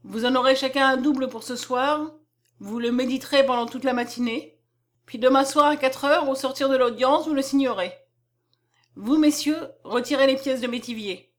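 A woman reading the lines of a shrewd male provincial lawyer in an audiobook, brisk and self-assured. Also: sits high, lightly acted. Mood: persuasive. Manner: brisk, confident persuasion.

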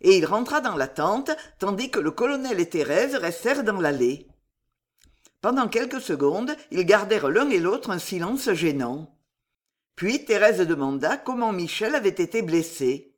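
A woman narrating a classic novel with expressive, animated delivery. Her pitch moves a lot, rising and falling through each sentence. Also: moderate pace. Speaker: audiobook reader.

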